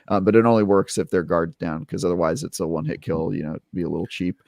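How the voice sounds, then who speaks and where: A man's voice: low voice, fast, creaky, dry recording, studio quality. A young adult man on a casual gaming podcast, telling a long story with lots of fillers and restarts. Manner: rambling, filler-heavy, animated retelling. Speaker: podcast co-host, game reviewer.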